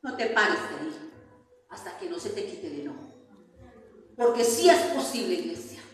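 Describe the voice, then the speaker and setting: A woman's voice: mid-range voice, sing-song, normal speed. A woman preaching a sermon in a church, stressing her points and often asking the congregation to answer back. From Colombia. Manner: emphatic preaching with frequent call-and-response questions to the congregation. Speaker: pastor. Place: church sanctuary. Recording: very echoey hall, voice from far off.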